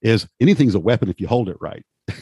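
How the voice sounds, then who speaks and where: A man's voice: on the low side, expressive, quick pace, mellow, husky, no room sound, clean studio sound. A man in his fifties hosting a casual, enthusiastic conversation, often tagging his sentences with "right?". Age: 50s. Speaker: podcast host.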